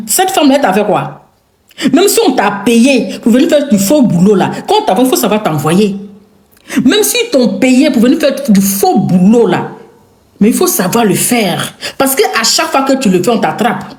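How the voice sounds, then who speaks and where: A woman's voice: on the high side, big pitch swings, normal speed, a little mellow. A woman with an Ivorian French accent giving a confrontational rant to camera. She repeats her lines for emphasis and throws insults. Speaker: online commentator. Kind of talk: angry direct-to-camera rant. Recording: echoey room.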